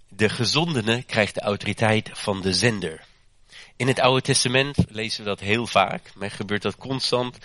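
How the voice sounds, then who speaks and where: A man preaching a sermon with emphatic, repetitive delivery, often restarting his phrases and rising in pitch to stress a point. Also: pushed and bright, dry recording. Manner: frequent self-corrections and fillers.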